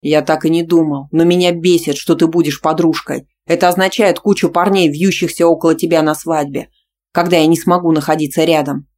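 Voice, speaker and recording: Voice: medium pitch, fairly even intonation, fairly quick, few pauses, a little hiss or hum, natural voice. A reader voicing a jealous, domineering young man. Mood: angry, stern. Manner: loud, stern, commanding.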